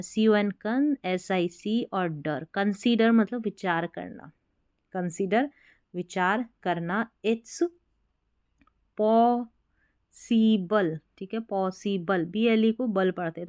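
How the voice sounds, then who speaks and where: A woman's voice: medium pitch, smooth, no room sound. A woman with a Hindi accent teaching English pronunciation, spelling out words letter by letter and explaining each one patiently. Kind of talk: slow spelling and pronunciation lesson.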